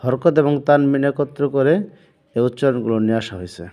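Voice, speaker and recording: A man teaching Quran reading, patiently sounding out each letter and vowel mark one by one in a slow spelled-out lesson. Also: medium pitch, steady tone, dark tone.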